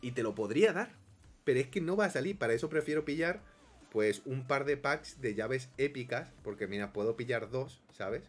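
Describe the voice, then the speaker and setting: Man, Spain Spanish accent, gaming YouTuber, casual commentary, melodramatic self-mocking grumbling, very lively pitch. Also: normal speed, faint music behind.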